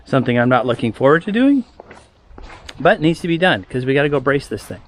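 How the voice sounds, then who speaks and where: A man's voice: medium pitch, big pitch swings, brisk, slight background noise. A man chatting casually in a vlog from the crawlspace under a house, joking and making fun of himself. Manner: joking, self-mocking. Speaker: homesteading vlogger.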